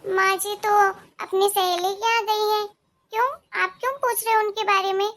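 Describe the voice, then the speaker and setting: A woman plays a young daughter-in-law in a cartoon moral story. She talks to herself in a chatty, grumbling run of thoughts. The voice sits very high. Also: fairly even intonation, moderate pace, fairly bright tone. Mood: worried.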